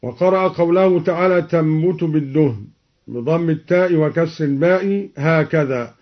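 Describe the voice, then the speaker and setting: A man teaching Quranic reading variants in a radio lesson, explaining each variant and then reciting the verse in a measured, drawn-out way. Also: a little high. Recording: dull old radio broadcast recording.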